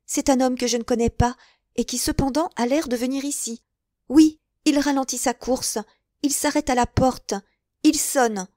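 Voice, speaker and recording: A woman's voice: high voice, fairly even intonation, moderate pace, mellow, no room sound, studio quality, voice pushed up, natural voice. Woman doing a lovestruck young woman. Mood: excited.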